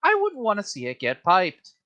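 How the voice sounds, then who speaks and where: A man's voice: high voice, wildly swooping pitch, normal speed, sharp tone. A man co-hosting a podcast in casual chat, ranting bluntly and swearing freely. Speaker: podcast co-host.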